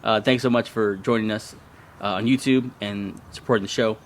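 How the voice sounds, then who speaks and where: Casual man hosting from a backyard, slightly low voice. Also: steady tone, moderate pace, slight background noise. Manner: profane, joking banter; keeping somewhat quiet outdoors so as not to disturb neighbours. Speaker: sports podcast host. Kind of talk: casual podcast chat. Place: outdoors in a residential backyard at night.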